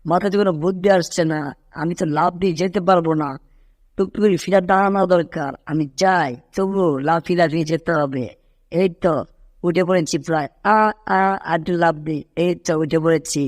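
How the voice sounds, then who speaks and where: A man's voice: high voice, fairly even intonation, fairly quick, no echo, studio quality, natural voice. A man voicing Tom, a clumsy panicky cartoon cat who frets and yelps. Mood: fretting. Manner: panicky exclamations, pleading.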